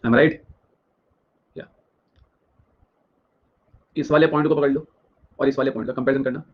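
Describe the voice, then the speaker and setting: A man's voice: medium pitch, little pitch movement, dull audio. A young man teaching a live exam-prep geography class, firing questions at students and repeating each answer several times. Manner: drills questions, repeats answers rapidly, addresses students directly.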